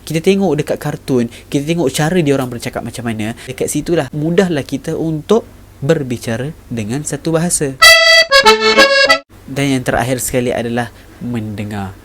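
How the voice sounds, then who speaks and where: A man's voice: mid-range voice, expressive, fairly quick. A man from Malaysia giving a casual lesson, repeating phrases for emphasis and reciting Arabic sayings. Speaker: vlogger teaching Arabic. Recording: loud music bed behind voice.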